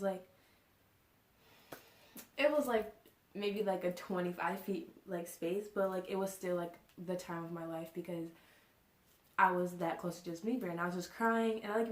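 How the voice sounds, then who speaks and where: A woman's voice: mid-range voice, darkish tone. Young woman vlogger, casual storytime, filler-heavy and laughing, room echo on the voice. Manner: chatty, many fillers, laughs often. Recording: roomy echo.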